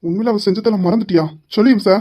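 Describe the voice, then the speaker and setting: A woman's voice: mid-range voice, racing, natural voice. A woman voicing a stern young husband who is a police officer, firm and lecturing, in an amateur family drama. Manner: firm, lecturing, shouts for his wife.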